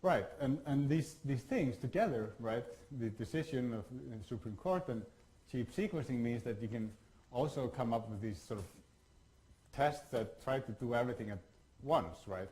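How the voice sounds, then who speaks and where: A man from Iceland giving a workshop lecture, talking in a halting way with many fillers and restarts. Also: mid-range voice, animated, a little mellow, poor audio.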